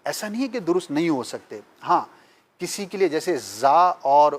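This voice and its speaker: A man's voice: on the high side, very animated. A man, a talk-show guest, patiently lecturing with emphatic examples. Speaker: guest speaker. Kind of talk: explanatory talk-show discussion.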